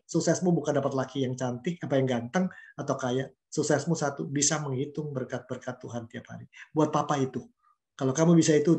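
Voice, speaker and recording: An older man with an Indonesian accent, a pastor preaching and leading prayer in a chatty, conversational way. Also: mid-range voice. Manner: warm conversational preaching with asides. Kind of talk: sermon and prayer.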